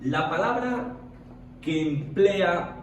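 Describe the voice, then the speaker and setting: A man's voice: high voice, expressive, drawn-out words. A man leading a Bible study group, explaining at length and often checking in with the listeners. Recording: echoey room, far from the mic, faint noise.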